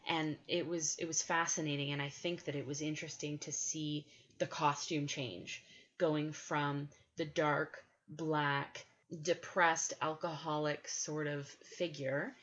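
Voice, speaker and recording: A woman's voice: low-pitched, level tone, a little slow, fairly bright tone. A woman co-hosting a podcast, chatting with enthusiasm in a casual way. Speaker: podcast co-host. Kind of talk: casual chat. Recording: dull lo-fi recording.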